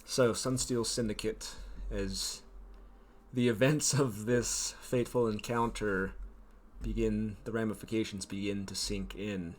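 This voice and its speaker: Male game master, low voice, unhurried descriptive narration with filler ums. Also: steady tone. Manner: descriptive, unhurried scene-setting with frequent ums.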